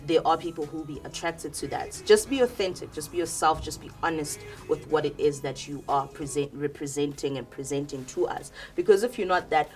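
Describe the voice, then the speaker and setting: A woman's voice: low voice, fairly quick, hardly any pauses, a little mellow, soft background music. A woman on a casual panel, making firm, preachy points and tossing in slang. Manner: emphatic, preachy, says "bruh". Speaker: panel guest.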